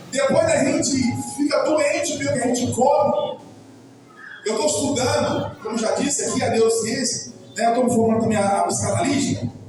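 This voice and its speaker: A man with a Brazilian Portuguese accent preaching an informal sermon, chatty and repetitive, often speaking straight to the congregation. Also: very high voice. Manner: chatty, repetitive, keeps addressing the congregation directly. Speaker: pastor. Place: church hall. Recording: echoey hall, distant mic, noisy.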